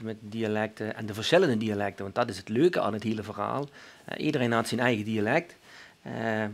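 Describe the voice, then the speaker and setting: A male panelist with a Limburg accent talking casually, often circling back on his words. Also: medium pitch. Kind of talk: casual discussion.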